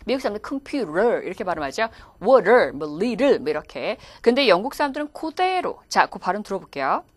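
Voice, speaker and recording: A woman's voice: mid-range voice, sing-song, fast, dry recording. A woman teaching English pronunciation in a video lecture, demonstrating words aloud as she explains.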